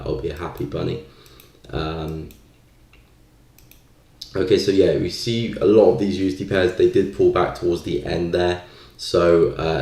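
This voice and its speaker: A live stream host, male, chats casually about the markets while thinking aloud in a tentative way. His voice is low and dark. The room gives the recording a noticeable echo.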